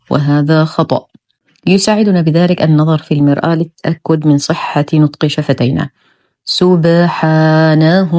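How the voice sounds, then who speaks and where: A woman teaching Quran recitation rules in a slow, methodical lesson, demonstrating each sound before explaining it. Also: deep voice, dark tone, no room sound, studio quality. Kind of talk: slow, careful tajweed lesson.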